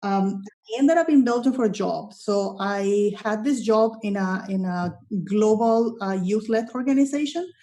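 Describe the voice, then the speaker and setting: Mellow-voiced Colombian-born woman guest. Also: mid-range voice, measured pace, hardly any pauses. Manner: enthusiastic, repeats words while searching for phrasing. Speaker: guest, content strategist. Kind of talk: casual interview talk.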